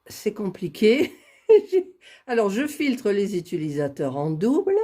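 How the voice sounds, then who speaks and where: Woman, unhurried talk, bouncy pitch, chatty, self-deprecating, laughs a lot. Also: wildly swooping pitch, mellow. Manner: chatty, self-deprecating, laughing often at her own fumbling. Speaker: YouTube creator drawing giveaway winners. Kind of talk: casual screen-recorded vlog.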